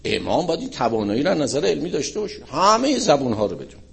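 A man preaching in a storytelling sermon, animated and acting out the people in his story. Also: fairly high pitch, vocal fry.

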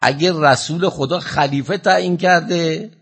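Husky guy giving a sermon, slow and emphatic, keeps asking the crowd questions. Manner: questions the listeners directly and demands answers; slow, emphatic retelling with rising pitch and loudness. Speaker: preacher. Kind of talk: sermon storytelling.

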